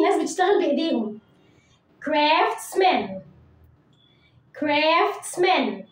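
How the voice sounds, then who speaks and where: A woman with an Egyptian Arabic accent teaching English vocabulary to children, repeating each word slowly and coaxing pupils to say it after her. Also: sits high, roomy sound, rough recording.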